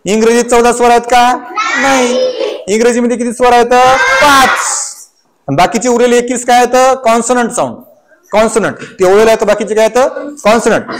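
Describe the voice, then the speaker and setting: High-pitched guy teaching a class, keeps quizzing the kids and chanting letters. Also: a little fast, slight background noise. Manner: call-and-response questioning of pupils. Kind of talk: classroom lesson.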